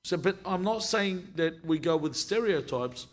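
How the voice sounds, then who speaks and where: The guest speaker is a sheikh from Lebanon, a man in his thirties whose fairly high, expressive voice runs at normal speed. Answering questions and telling stories in a live discussion, he keeps things conversational and restarts a lot.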